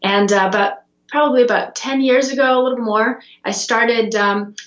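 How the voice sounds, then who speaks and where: Young woman from Russia, relaxed guest answers, echoey lo-fi video-call audio. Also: fairly high pitch, normal speed. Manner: relaxed, with many ums and you-knows. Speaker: guest musician. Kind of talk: casual interview answers. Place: small room at home, indoors. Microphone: video call with earbud headset.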